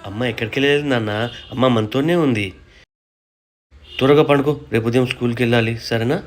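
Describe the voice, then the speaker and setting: A man playing a soft-spoken grieving father. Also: mid-range voice, fast talker, soft background music, lightly acted. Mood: soothing. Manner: soothing, coaxing. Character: gentle grieving young father of a little girl.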